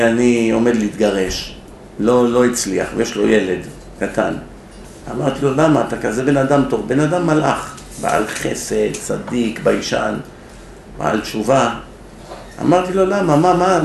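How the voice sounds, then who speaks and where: A man's voice: mid-range voice, vocal fry. A rabbi giving a sermon at a yeshiva, telling stories, acting out the people in them and putting questions to his listeners. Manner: storytelling with acted-out quotes, asks the audience questions. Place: yeshiva hall. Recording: echoey room with faint noise.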